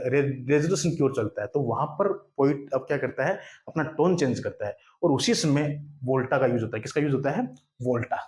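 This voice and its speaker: A man's voice: medium pitch, darkish tone. A man teaching a class, who repeats key terms and asks and answers his own questions. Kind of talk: classroom lecture.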